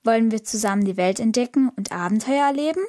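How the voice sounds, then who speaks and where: A curious little angel girl, voiced by a woman in a children's audio story. She speaks in a friendly, lively way on a fairly high pitch, eager to explore. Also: fast, natural voice.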